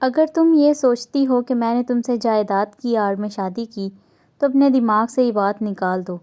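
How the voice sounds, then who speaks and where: A woman's voice: a little high, darkish tone, close to an everyday voice. A woman voicing a young husband in a romance novel reading, teasing and earnest by turns. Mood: affectionate.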